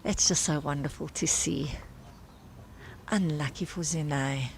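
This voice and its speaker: A South African woman provides live sports commentary in a low-pitched voice. Noticeable ambient noise from the live event surrounds her as she talks. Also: slow pace. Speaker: commentator and club marketing organiser.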